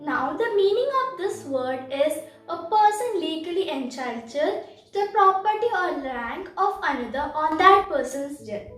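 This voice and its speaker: A woman's voice: very high voice, sing-song, extremely slow, a bit bright. A woman giving a bilingual pronunciation tutorial as channel host. She quizzes the viewers and then gives the answer. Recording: very echoey room, far from mic, faint music.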